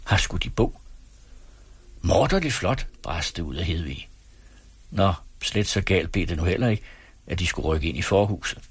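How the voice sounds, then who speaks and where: A man hosting a radio program, reading a novel aloud in calm, measured narration. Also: low-pitched, breathy edge, dry recording. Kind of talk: literary read-aloud narration. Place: radio studio.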